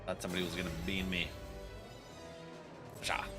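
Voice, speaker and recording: A man's voice: deep voice, monotone, moderate pace, music in the background. A man doing casual, slangy gameplay commentary, reacting and joking to himself as he plays. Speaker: video game streamer.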